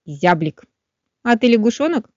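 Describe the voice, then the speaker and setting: A woman voicing a friendly little male finch in a storybook, explaining things gently. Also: a little high, very animated, moderate pace, no echo. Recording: dull, dry studio sound.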